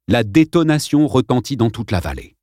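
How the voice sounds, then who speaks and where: A man reading a novel aloud as an expressive audiobook narrator. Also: medium pitch, moderate pace, no room sound, clean studio sound. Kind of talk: scripted narration.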